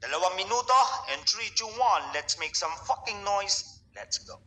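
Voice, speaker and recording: Hyped high-voiced man battle host. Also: lively intonation, moderate pace, bright, forceful tone, reverberant, far from the mic, faint music behind. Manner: hyped announcer, counts down rounds. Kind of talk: rap battle hosting.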